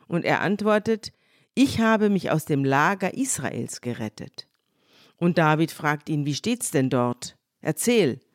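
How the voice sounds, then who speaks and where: An older woman co-hosting a podcast, retelling a Bible story in lively conversation and voicing the quoted lines in her own voice. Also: lowish voice, no room sound, clean studio sound. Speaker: podcast co-host.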